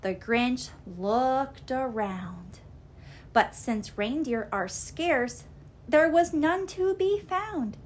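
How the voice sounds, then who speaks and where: Woman, high voice, unhurried pace, expressive children's read-aloud, dramatic storytelling. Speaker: storybook reader.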